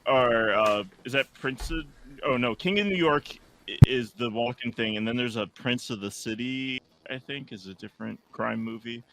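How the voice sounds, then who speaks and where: A man's voice: medium pitch, moderate pace, slight background noise, poor audio. A man hosting a casual reaction chat, rambling with lots of "like" and restarts. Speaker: podcast host.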